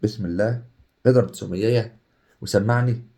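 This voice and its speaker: A young Egyptian man talking casually over a game, excitable and chatty, swinging between hype and groans. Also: fairly low pitch, moderate pace. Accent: Egyptian Arabic. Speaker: gaming YouTuber. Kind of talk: casual gameplay commentary.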